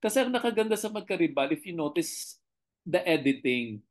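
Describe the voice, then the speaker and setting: Animated Filipino-accented director. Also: mid-range voice, moderate pace. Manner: animated, expressive storyteller. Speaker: television director, guest. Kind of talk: casual interview storytelling.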